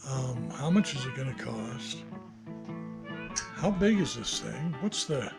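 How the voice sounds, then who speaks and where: A sixty-nine-year-old hobbyist maker presents his own video channel in an unscripted, reflective monologue, hesitant and rambling as he thinks aloud. His medium-pitched voice is creaky and slow, with lively intonation, and music plays in the background.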